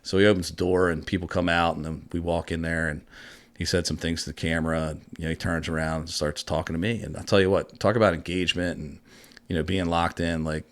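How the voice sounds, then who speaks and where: A middle-aged man from Maryland telling a story in casual chat. He talks in an animated way, laughs often and says "you know" a lot. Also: low-pitched, quick pace. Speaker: podcast guest.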